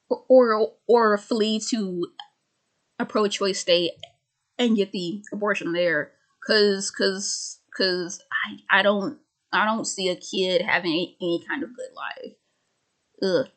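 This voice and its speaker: A woman's voice: medium pitch, slow pace, pauses often. A woman of twenty-five ranting casually to camera, rambling and sardonic, with many restarts and stammers. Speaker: vlogger.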